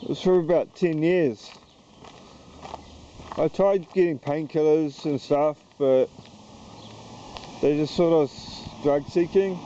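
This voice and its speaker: Walking around town outdoors, a New Zealand-accented YouTuber rambles to his camera slowly and hesitantly, halting and wandering in thought. His fairly high, mellow voice stays fairly even in intonation, and the audio is dull with slight background noise.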